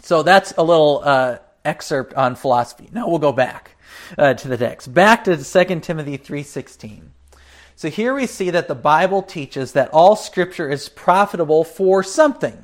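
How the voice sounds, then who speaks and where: A pastor giving a catechism teaching talk, unhurried, with frequent fillers and asides to his listeners. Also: a little high.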